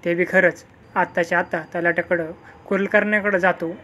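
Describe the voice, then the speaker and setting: Storyteller doing a humble farmer dad, plain rustic talk, patient, middle pitch. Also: flat delivery, fairly quick, bright, forceful tone, dull audio. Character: poor farmer father Rama, humble and patient.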